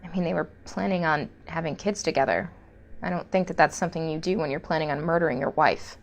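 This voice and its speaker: A woman's voice: sits low, fairly even intonation, quick pace. A woman playing a cautious witness giving testimony in a mock documentary interview. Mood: guarded.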